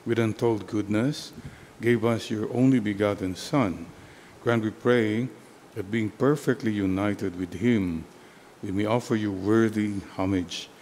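An older man, a priest praying solemnly at Mass in short, measured phrases. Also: fairly low pitch, darkish tone, slight background noise. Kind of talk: solemn liturgical prayer. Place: indoor chapel altar. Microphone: gooseneck altar microphone.

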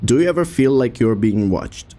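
A man in his thirties doing casual horror game commentary, reading prompts aloud and joking flippantly in halting phrases. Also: mid-range voice, animated, mellow, faint music behind. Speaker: streamer playing a horror game.

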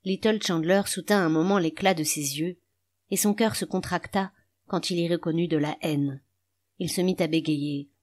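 A woman narrating a literary audiobook in a calm, measured reading. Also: fairly low pitch.

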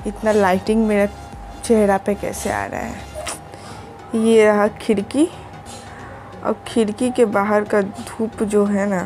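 A young woman from Assam, India, records a chatty vlog at home and talks straight to her viewers. Her voice sits at a middle pitch. Faint music plays underneath. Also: darkish tone. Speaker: vlogger. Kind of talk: casual vlog chat. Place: home, indoors.

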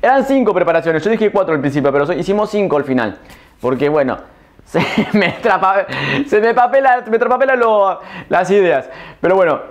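A young man, talking loudly and animatedly to the camera on a lapel mic indoors, stumbling over his words now and then. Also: high voice, a little fast, highs cut off. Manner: animated, loud, tongue-tied chatter. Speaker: cooking channel host. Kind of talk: casual talk to camera. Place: indoor studio against plain wall.

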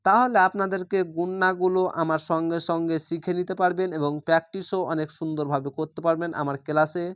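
Patient Quran reading teacher, smooth dry voice. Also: medium pitch, dry recording. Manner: spells out letters and vowel marks one by one, explains rules patiently; addresses viewers directly, checks understanding. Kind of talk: online recitation lesson.

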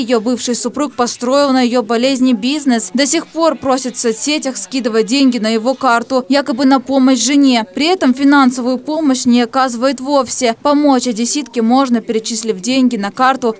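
A woman reporter reading a scripted television news narration. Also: sits high. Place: voice-over recorded apart from the pictured scene.

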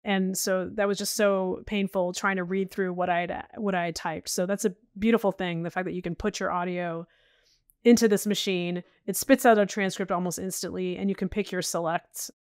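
A woman's voice: fairly low pitch, fairly even intonation, moderate pace, a little mellow, smooth, no echo, studio quality. A middle-aged woman talking casually as a podcast guest, chatty, with frequent restarts and "you know"s. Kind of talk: casual interview chat.

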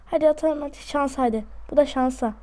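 A woman giving chatty, excitable commentary to her viewers while she plays a game at home. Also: sits high, quick pace. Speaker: gaming YouTuber. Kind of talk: casual gameplay commentary.

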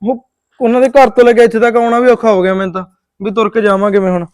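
A weary young husband with a Punjabi accent, defensive and grumbling, as an actor plays him. He talks fast in a high, clear voice, recorded dry. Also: little pitch movement, darkish tone, dry recording, close to an everyday voice. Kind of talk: short-film drama acting.

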